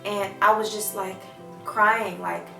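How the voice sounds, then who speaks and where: A woman's voice: medium pitch, steady tone, takes it slowly, creaky, echoey room, recorded from a distance, over music, rough recording. A woman telling a personal story in a candid, reflective, casual way, with many fillers. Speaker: vlogger.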